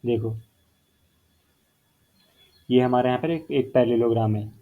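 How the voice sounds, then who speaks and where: This male teacher works through a math problem on the whiteboard step by step, talking a little slowly in a medium-pitched voice. Key terms come up repeatedly, English phrases are mixed in, and the sound is narrow and phone-like.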